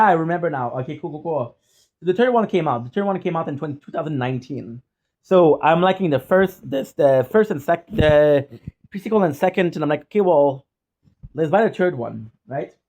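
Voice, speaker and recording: A man with a French accent telling personal stories in a casual, rambling vlog style, often halting to repeat and correct himself. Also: on the high side, darkish tone, muffled recording. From France or French-speaking region. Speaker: content creator.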